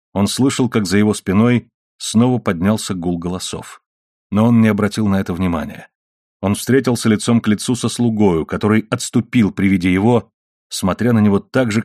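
A man reading an adventure novel aloud as an audiobook narrator, in steady storytelling. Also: fairly low pitch, no room sound, studio quality.

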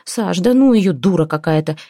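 A woman voicing an impulsive, emotional woman friend who pleads and shouts through tears. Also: lowish voice, lively intonation, normal speed, dry recording, studio quality. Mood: pleading. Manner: loud, tearful, indignant.

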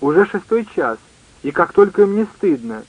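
A man narrating an audiobook in a measured, even reading. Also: sits high, husky, no room sound, narrow, tinny audio.

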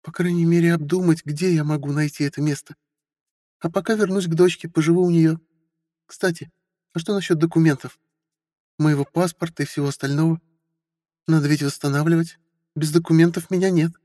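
A man's voice: fairly high pitch, steady tone, a little fast, pauses often, mellow, no room sound, studio quality, long reverb tail, pitched above the performer's own voice, close to an everyday voice. A man reading an audiobook who voices a bitter, hurt forty-year-old wife with a sarcastic manner. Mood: weary bitter. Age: 40s. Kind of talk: audiobook character voice.

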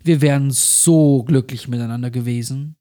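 A man's voice: medium pitch, steady tone, normal speed, warm tone, natural voice. A man voicing a tortured little girl in a horror story, speaking in a raised, thin voice that turns bitter and accusing. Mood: vengeful. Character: mutilated little girl, weak then enraged.

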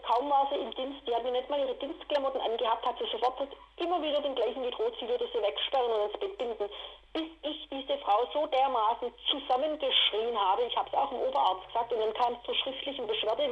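Agitated woman, high voice. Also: dull audio. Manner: agitated, indignant, rushed retelling. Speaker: interviewee. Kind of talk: emotional personal account.

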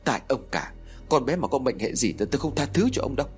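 A man's voice: medium pitch, expressive, fast talker, faint music behind, close to an everyday voice. A man voicing a grieving, frantic older mother who cries and blames her husband. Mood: distraught. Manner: tearful, accusing outbursts.

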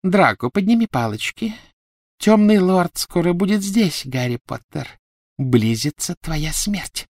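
A male narrator voicing a cruel, gloating female dark witch in an audiobook. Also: very animated, moderate pace, no room sound, clean studio sound, close to an everyday voice. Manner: sneering, shrill and spiteful.

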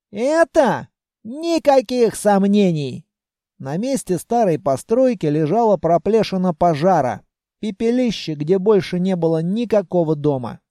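A man's voice: high-pitched, mellow, no room sound, studio quality. A man narrating a first-person fantasy audiobook in a wry, ironic manner.

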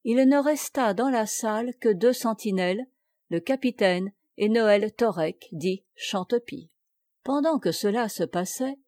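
A woman narrating a classic story in a measured, even reading voice. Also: mid-range voice, no echo, studio quality. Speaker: audiobook reader. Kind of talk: literary narration.

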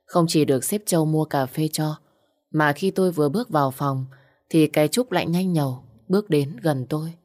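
A woman's voice: low voice, a little fast, darkish tone. A woman narrating a first-person story and reading every character's lines in her own voice.

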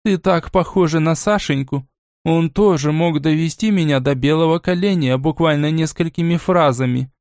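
A man voicing a stern, aristocratic old grandmother in an audiobook, speaking in a measured, cool and commanding way. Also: fairly high pitch, a little mellow, no echo, studio quality, voice pushed up, natural voice. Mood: tender.

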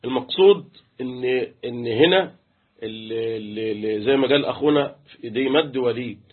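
A man speaking at normal speed in a mid-range, breathy-edged voice gives an interactive tajweed lesson with an Egyptian Arabic accent. He quizzes his students on Quran recitation rules and chants letters, and the audio is tinny, like a phone line.

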